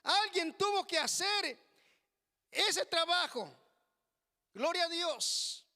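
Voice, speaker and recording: A man preaching a sermon in a church, addressing the congregation as brothers with slow, drawn-out phrases. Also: extremely high pitch, expressive, sharp tone, big-room sound. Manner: slow, drawn-out preaching with frequent "hermano" asides. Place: church hall.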